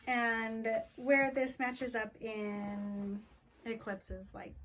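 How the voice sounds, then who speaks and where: A woman co-hosting a podcast, chatting casually and retelling a story with lively bursts of character voices. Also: on the high side, slight background noise, low-quality recording. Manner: animated storytelling, slipping into quick voices for the characters. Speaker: podcast co-host. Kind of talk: casual book-club chat.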